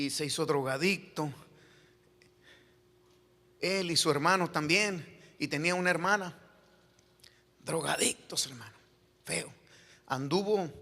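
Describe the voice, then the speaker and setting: A man, a pastor telling a story in his sermon that builds to shouted preaching. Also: a little high. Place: church sanctuary. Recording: echoey hall reverb.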